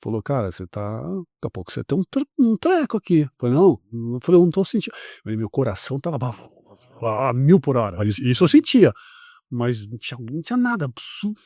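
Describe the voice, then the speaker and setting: A man from Brazil, around his forties, telling a story as a podcast guest in a casual, animated way and acting out the other people's lines. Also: mid-range voice, quick pace, dry recording, clean studio sound.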